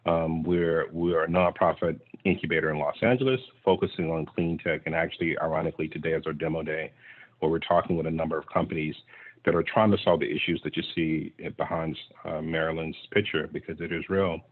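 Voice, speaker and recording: A man's voice: a bass voice, steady tone, brisk, slightly rough. A man from Texas speaking on a panel as a clean tech investor, telling his story in an earnest, reflective way over a video call. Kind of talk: conversational panel talk. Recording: tinny video-call audio.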